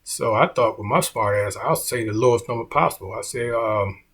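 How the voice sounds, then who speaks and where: A man's voice: mid-range voice, moderate pace, a bit bright, breathy edge. A middle-aged man, a comedian, telling a story in a laid-back way and saying "man" often.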